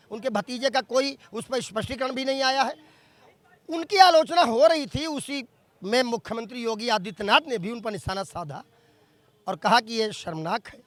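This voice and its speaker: A man's voice: very high voice, a bit bright, dry recording. A man, anchoring a political debate and pressing the same question again and again.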